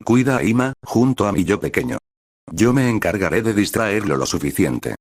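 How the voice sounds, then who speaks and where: A man's voice: lowish voice, lively intonation, normal speed, dry recording, studio quality. A man voicing a determined young man from a sad future, speaking firmly without raising his voice. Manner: firm, quiet.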